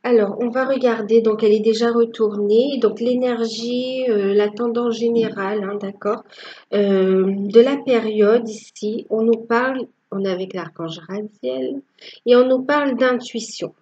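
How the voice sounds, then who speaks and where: A woman giving a tarot reading to her viewers, with a halting delivery that repeats phrases. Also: on the high side, steady tone, dark tone, muffled recording. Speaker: tarot reader.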